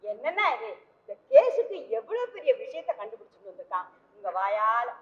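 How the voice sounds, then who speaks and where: A woman's voice: fairly high pitch, sing-song, fairly quick. An actress playing a doting middle-aged mother who exclaims and keeps gushing over her son in a stage comedy. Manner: exclaiming, repeats "aiyo", gushing praise. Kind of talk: vintage stage comedy acting. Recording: old stage recording, dull roomy hall.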